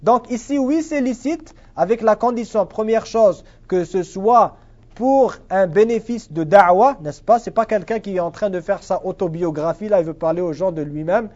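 High-voiced man teaching a religious lesson. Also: moderate pace, a little mellow. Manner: earnest, repetitive, sprinkles Arabic phrases. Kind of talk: religious lesson answering questions. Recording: dull lo-fi sound.

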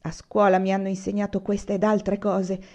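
A woman voicing a proud young man who shouts orders in fury. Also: medium pitch, completely flat delivery, moderate pace, natural voice. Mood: stern. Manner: shouting, commanding. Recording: dull lo-fi recording.

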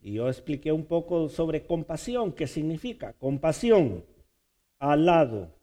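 A man preaching a sermon, building to loud, repeated appeals and stretching key words slowly. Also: fairly high pitch, big pitch swings. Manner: preaching with rising, shouted repetitions and slow, drawn-out emphasis. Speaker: pastor.

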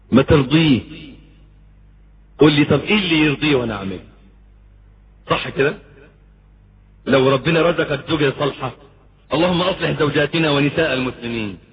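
A man with an Egyptian accent giving an impassioned sermon, swinging between pleading and booming. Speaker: preacher. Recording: muffled lo-fi lecture recording with faint hiss.

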